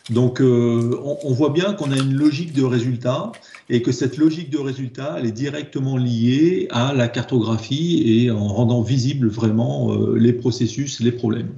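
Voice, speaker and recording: Speaking at normal speed with a medium-pitched, gravelly and dark voice, a French-accented man trains an audience in process improvement while explaining slides. He hesitates and repeats words often; the room is echoey and the sound dull.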